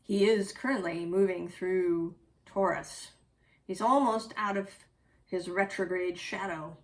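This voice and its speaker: A woman's voice: fairly low pitch, fairly even intonation, a little slow. A woman giving a casual, reflective tarot reading, musing aloud and correcting herself as she goes. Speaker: tarot reader.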